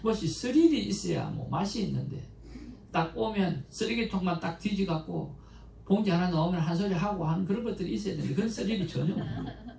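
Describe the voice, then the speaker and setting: Gravelly-voiced pastor preaching in an echoey church. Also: male voice, high voice, quick pace. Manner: conversational, anecdotal preaching with animated emotional quotes. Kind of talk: Sunday sermon. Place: church sanctuary. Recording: echoey church room, mic at a distance, faint background noise.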